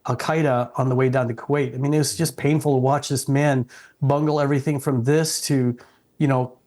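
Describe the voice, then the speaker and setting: Speaking brisk English in a steady, mid-range voice with a darkish tone, a middle-aged guest originally from South Vietnam answers interview questions. He is earnest and respectful, and he keeps restarting sentences.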